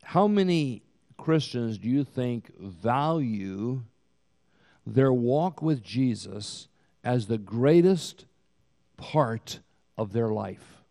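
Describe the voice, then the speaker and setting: A man in his sixties preaching a sermon as pastor, with slow, emphatic delivery that swells to loud peaks, recorded in a church sanctuary. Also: medium pitch, expressive, vocal fry. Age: 60s. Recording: long hall reverb.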